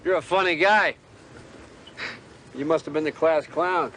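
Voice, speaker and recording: A man's voice: fairly high pitch, a little slow, natural voice. An actor playing an easygoing private investigator, a man with a dry, teasing way of talking. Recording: outdoor city noise behind.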